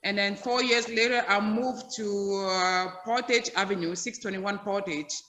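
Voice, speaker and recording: A woman from Cameroon, a salon owner, telling her story steadily, her phrases trailing off quietly. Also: medium pitch, steady tone, unhurried. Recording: echoey room with long reverb.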